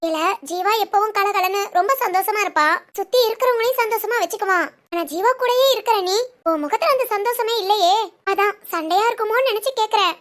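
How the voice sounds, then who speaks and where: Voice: very high voice, quick pace, fairly bright tone. A performer voicing an earnest young woman friend who keeps coaxing with persistent questions.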